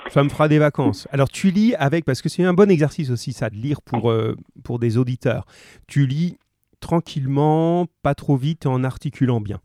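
A man runs a class live on the radio, joking with the pupils who call in and trailing off into fillers and restarts as he explains. His voice is mellow and relaxed, recorded dry and close on a studio microphone. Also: medium pitch, moderate pace, no echo. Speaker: teacher. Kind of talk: remote class on radio, casual and encouraging.

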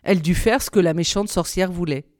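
A woman reading a fairy tale aloud in a measured, expressive storybook style. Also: on the low side, no room sound, clean studio sound. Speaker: reader.

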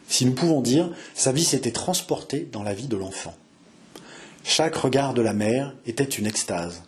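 Measured male audiobook narrator. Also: mid-range voice. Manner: measured, expressive, lingering on phrases.

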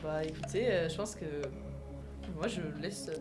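A woman's voice: fairly low pitch, moderate pace, over music. A woman on a casual sports quiz panel, teasing the others as she talks.

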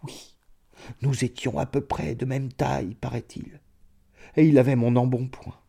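A man's voice: mid-range voice, flat delivery, a little slow, creaky, mellow, husky. A man voicing a sentimental middle-aged bourgeois, a former mayor, speaking in an emotional, sobbing way in a storybook reading. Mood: musing.

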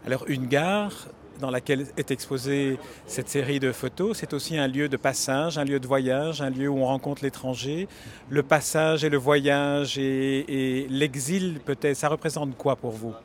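A man's voice: medium pitch, fairly even intonation, measured pace. Man reporter asking questions. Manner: questioning, with frequent small restarts. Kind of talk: field interview. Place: outdoors at a city station.

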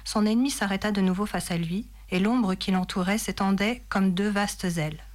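A woman reading a fantasy novel passage aloud in a dramatic, measured storytelling manner. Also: medium pitch, steady tone. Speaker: reader.

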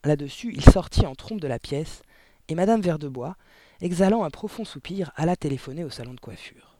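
A reader doing expressive audiobook narration of a children's novel. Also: medium pitch, fairly quick, dry recording, studio quality. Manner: expressive storytelling.

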